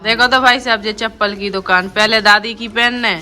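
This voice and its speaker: A woman's voice: medium pitch, steady tone, moderate pace, sharp tone. A young woman with a Bundeli accent filming a casual family vlog at her village home, chatty and teasing as she talks to and about her children. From Bundelkhand, India. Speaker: vlogger and mother.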